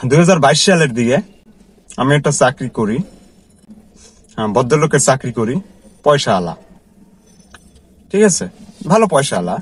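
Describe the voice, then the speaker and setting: A man's voice: mid-range voice, sing-song, moderate pace, long pauses, husky. A man who works as a car driver, telling a personal story to his viewers in an earnest, repetitive, conversational way. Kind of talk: casual storytelling vlog.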